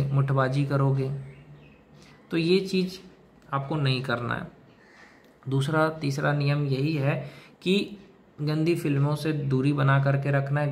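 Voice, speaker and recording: Preachy man lecturing, slightly high voice. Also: creaky, slight background noise. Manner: lecturing, repetitive, addresses listener as brother. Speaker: self-help video host. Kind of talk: direct-to-camera advice monologue.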